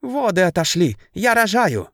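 An emotional young wife who is expecting, voiced by a male narrator in a storybook reading, with a high, lively voice. The recording is close and dry. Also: normal speed, no echo. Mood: panicked.

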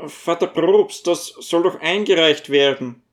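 A man's voice: on the high side, a little slow, voice pushed up, lightly acted. A man reading an audiobook and voicing a timid, shrewd little dwarf with an anxious, imploring manner. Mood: anxious, pleading.

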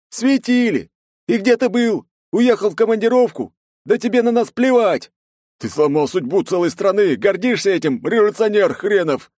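A man voicing angry townspeople who shout accusations from a crowd. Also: no room sound, studio quality. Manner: shrill, accusing.

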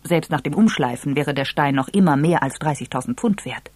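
A reader voicing Mister Points, an elderly, sly and teasing gentleman, in a dry, good-humoured manner. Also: medium pitch, lively intonation, fairly quick, dry recording, lightly acted. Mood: genial.

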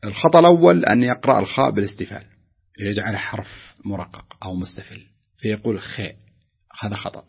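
A man's voice: on the low side, expressive, fast, vocal fry, husky, lo-fi sound. A man who teaches Quran recitation, patiently correcting callers and sounding out letters syllable by syllable.

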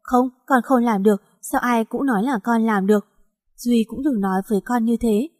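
A woman's voice: a little high, normal speed, darkish tone, no room sound, studio quality, in a large hall, natural voice. A woman voicing a heartbroken young woman in despair, tearful and pleading. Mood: grieving.

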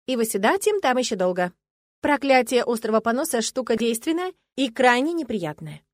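A woman's voice: a little high, very animated, a little fast, no room sound, clean studio sound. A woman narrating a first-person audiobook in a wry, ironic manner.

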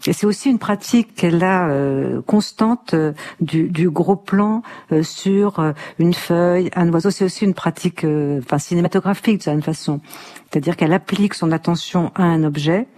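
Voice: mid-range voice, normal speed, warm tone. A guest on a radio program, discussing literature with enthusiasm and often stopping to search for words. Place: radio studio.

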